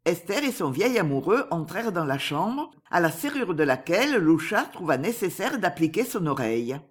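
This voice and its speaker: A woman narrating a classic novel as an audiobook, in an expressive, animated reading. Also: lowish voice, normal speed, slightly rough. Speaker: audiobook reader.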